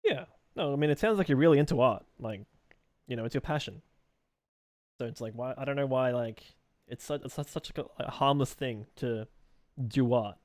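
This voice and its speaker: A man's voice: medium pitch, normal speed, a little mellow, dry recording, studio quality. A young man live streaming while he draws, chatting loosely with viewers and reading out and answering their messages in a rambling way.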